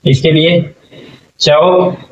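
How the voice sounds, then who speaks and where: Male teacher, classroom lesson, slow and patient, keeps asking "okay?", distant muffled sound. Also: on the high side, steady tone. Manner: patient, drawn-out syllables, frequent "okay?" checks.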